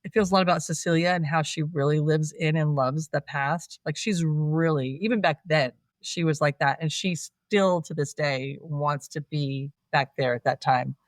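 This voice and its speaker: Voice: medium pitch, moderate pace, hardly any pauses, no echo. Chatty film-recap co-host, mid-range voice, dry close mic, laughs a lot. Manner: chatty, laughs often, animated asides. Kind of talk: casual film recap chat.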